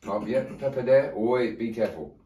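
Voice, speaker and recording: A man's voice: mid-range voice, lively intonation, normal speed. A man chatting and joking as a guest in a home kitchen while food is cooked and tasted. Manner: playful, joking, lots of laughter. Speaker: guest cook. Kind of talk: casual chat while cooking. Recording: mic far off, loud frying noise.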